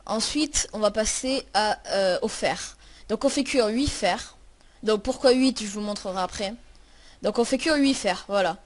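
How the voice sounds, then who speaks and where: A woman's voice: medium pitch, measured pace. A woman hosting a casual game tutorial, chatty and full of hesitations. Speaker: tutorial host.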